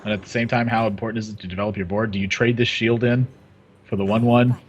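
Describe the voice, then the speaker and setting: A man commentating a live card game match, upbeat and quick on the play-by-play. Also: lowish voice, fairly even intonation, slightly rough, highs cut off. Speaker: esports commentator.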